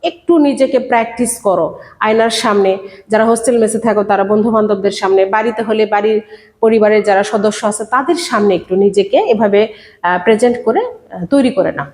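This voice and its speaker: A woman teacher giving an exam-preparation lesson, explaining patiently and speaking directly to her students, sometimes slowing down to sound out words. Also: medium pitch, a little mellow. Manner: demonstrates pronunciation slowly, word by word. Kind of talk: online exam-prep lesson. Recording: echoey room with long reverb.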